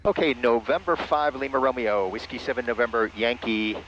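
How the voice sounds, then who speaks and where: Flying a small plane, a pilot who is also a ham radio operator makes clipped procedural radio calls and narrates the flight through an aviation headset. His voice is mid-range and fairly bright, and he talks fairly quickly. The cockpit radio audio is muffled, with light aircraft engine noise behind it.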